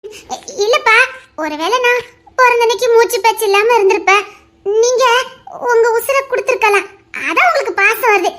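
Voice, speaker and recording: A tiny, tender daughter pleads with her father in an audio drama, her very high voice wavering between tears and nervous laughter. She sounds soft and small, each plea breaking a little. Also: normal speed. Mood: tearful pleading. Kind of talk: Tamil audio drama acting.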